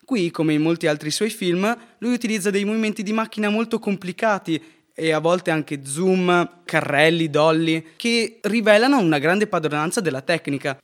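A man's voice: high voice, normal speed. A man co-hosting a casual film review chat, talking earnestly and often ending points with a questioning "right?".

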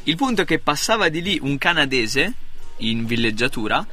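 A man's voice: on the high side, very animated, moderate pace, sharp tone. A man hosting a jokey show, explaining an odd sport in mock-serious casual banter and often repeating his phrases. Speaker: comedy radio show host. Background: music under the talk.

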